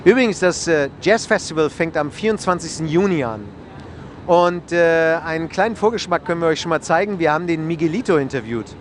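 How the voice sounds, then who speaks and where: A man presenting casually as a host, brisk with fillers. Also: a little high, noisy background.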